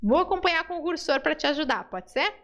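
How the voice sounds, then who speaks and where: Woman, high voice, Portuguese speaker, teacher coaching pronunciation with lively, patient repeats. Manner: lively, coaxing, drills words slowly and asks the viewer to repeat. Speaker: Spanish teacher. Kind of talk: pronunciation lesson.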